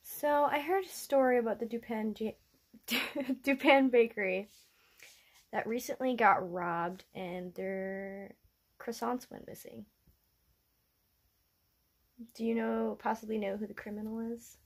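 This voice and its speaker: A woman's voice: a little high, fairly even intonation, measured pace, husky. A young woman playing an earnest teenage girl superhero in casual cosplay banter, questioning and a bit flustered. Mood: probing.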